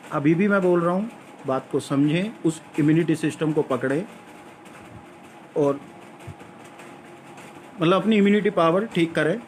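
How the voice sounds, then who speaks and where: A man's voice: fairly high pitch, darkish tone, a little hiss or hum. A man delivering a lecturing monologue to viewers, asking rhetorical questions and repeating his points for emphasis. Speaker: vlogger addressing viewers. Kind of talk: argumentative spoken monologue.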